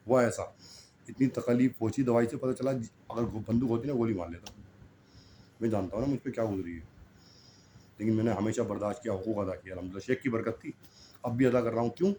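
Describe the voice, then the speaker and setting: A man's voice: fairly low pitch, dark tone, a little hiss or hum. A middle-aged man preaching a sermon in an impassioned, scolding way, firing off rhetorical questions.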